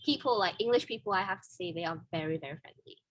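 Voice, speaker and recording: A young Vietnamese woman speaks English with a Vietnamese accent, her husky voice fairly low and quick. She's a guest in a casual interview, talking candidly with lots of fillers and restarts. The audio is poor but has no echo.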